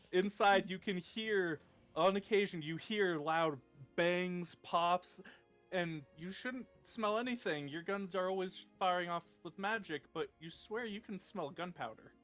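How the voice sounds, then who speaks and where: A man narrating a tabletop game as game master, describing scenes in a relaxed way. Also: sits high, measured pace, soft background music.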